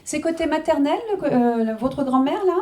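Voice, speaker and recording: A woman's voice: high-pitched, moderate pace, warm tone. A woman working as a medium at a live reading, chatting with the audience, checking in constantly and laughing often. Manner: chatty, constant "hein" and "d'accord" check-ins, frequent laughs.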